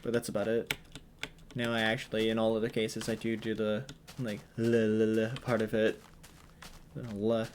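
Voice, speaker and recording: A man with a lowish, monotone voice talks at a normal speed, and slight hiss or hum sits under the audio. He's a gaming commentator chatting casually about gameplay from home, rambling with lots of fillers and restarts, using a headset or desk mic while wearing headphones.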